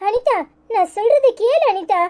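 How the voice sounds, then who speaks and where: A woman's voice: very high-pitched, animated, unhurried, darkish tone, pitched above the performer's own voice. A woman voicing a tearful, pleading young woman. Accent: Kanyakumari Tamil. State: crying. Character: wronged young village woman Aishwarya, pleading. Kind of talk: cartoon comedy voice acting.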